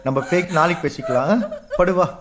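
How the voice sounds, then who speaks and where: An actor playing a harried young man who runs a haunted hotel, brisk and reassuring. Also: on the high side, very noisy, lightly acted. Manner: brisk, reassuring then pleading.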